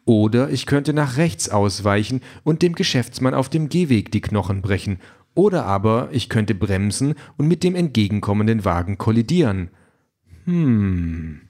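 A man voicing an overeager, talkative male self-driving car that lectures in a bright, chatty way, reading an audiobook. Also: on the low side, big pitch swings, normal speed. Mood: lecturing. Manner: brightly chatty, lecturing, flares into furious shouting.

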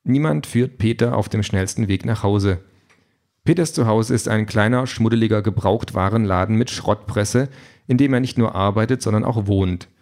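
Gravelly man narrating a story. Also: lowish voice, normal speed, a little mellow.

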